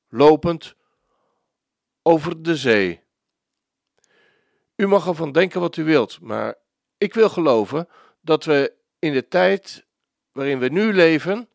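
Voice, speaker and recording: A man preaching a devotional sermon, slow and emphatic, with dramatic pauses. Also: on the high side, no room sound, clean studio sound.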